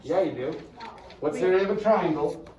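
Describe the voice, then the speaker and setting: A man's voice: fairly high pitch, animated, a little fast, darkish tone, dull audio. A male math teacher giving a casual classroom lecture and checking in with the class often. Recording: echoey room, mic far off.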